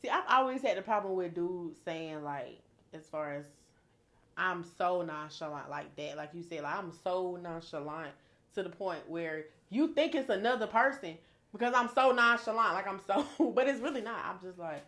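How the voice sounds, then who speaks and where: A woman guest on a casual group podcast, relaxed and agreeable, often chiming in. Her voice is on the lower side for a woman. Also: moderate pace.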